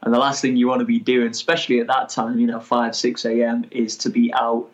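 A Welsh man in his twenties, a guest explorer chatting in an interview, upbeat and quick to laugh. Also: mid-range voice, dull audio. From North Wales. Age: 20s. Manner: energetic, chatty, laughs easily. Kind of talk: casual interview chat.

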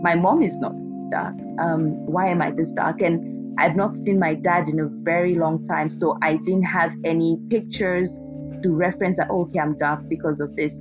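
A woman's voice: on the low side, dull audio. A woman from Zimbabwe, a guest in an interview, talking candidly and restarting her sentences. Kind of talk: conversational interview.

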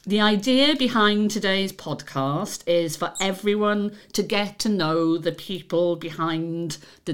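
A woman's voice: lowish voice, smooth. A woman hosting a podcast, presenting and putting questions to her guests. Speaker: podcast host.

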